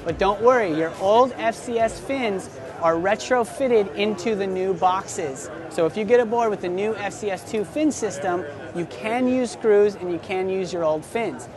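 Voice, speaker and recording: A man's voice: high voice, normal speed, a crowd in the background. A young man in his twenties hosting an enthusiastic, salesy product demo at a busy indoor expo booth, talking close to the camera. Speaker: surf shop host. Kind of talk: trade show product demo.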